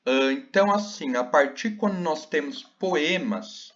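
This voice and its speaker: A man teaching a slide lesson, talking slowly with many fillers and checking questions. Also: fairly high pitch, lively intonation, fairly bright tone, highs cut off. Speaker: Spanish teacher.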